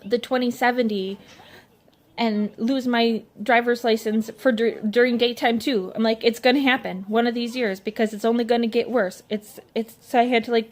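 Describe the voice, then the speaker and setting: Emotional, rambling middle-aged woman vlogger. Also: fairly high pitch. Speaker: vlogger, mother. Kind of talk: casual personal vlog. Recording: faint background noise.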